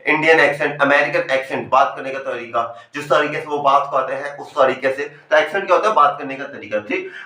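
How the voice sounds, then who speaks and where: A young man from Rajasthan teaching a class 10 English story, reading each line slowly and then explaining it in chatty Hindi. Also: mid-range voice, sharp tone, reverberant. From Rajasthan, India. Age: young adult.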